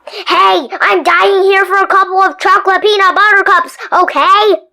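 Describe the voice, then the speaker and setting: A woman voicing a loud, demanding male sweet tooth that wisecracks and nags for sweets. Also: extremely high pitch, steady tone, normal speed, pitched above the performer's own voice, heavily acted. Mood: pushy. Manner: brash, wisecracking, nagging.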